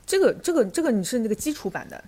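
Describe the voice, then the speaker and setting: A woman's voice: fairly high pitch, big pitch swings, racing, warm tone, slightly rough. A woman with a Shanghainese accent, chatting casually as a dialect teacher and co-host. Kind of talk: casual language-lesson chat.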